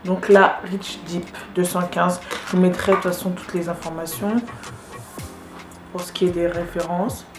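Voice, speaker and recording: Doing her makeup on camera, a woman beauty vlogger narrates a laid-back get-ready-with-me with plenty of fillers. Her voice is low-ish and level at normal speed, the audio is reverberant, and music plays in the background.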